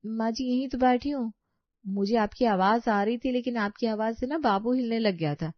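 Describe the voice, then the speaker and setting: A woman voicing a sly, lazy young wife who whines and pleads in a high voice for a cartoon. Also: normal speed, dull audio, lightly acted. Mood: whiny scheming. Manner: whiny, high-pitched pleading.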